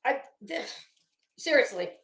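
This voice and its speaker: Speaking slowly with lively intonation, this woman has a high, fairly bright voice. As a livestream host she chats with viewers about a legal case, her casual remarks sarcastic, theatrical, exasperated and mocking, all in an echoey room.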